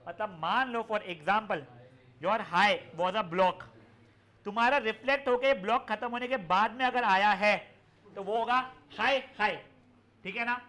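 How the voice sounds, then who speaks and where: Bright high-voiced male physics teacher. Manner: chatty Hindi-English teaching, addresses students as beta. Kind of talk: live online class lecture.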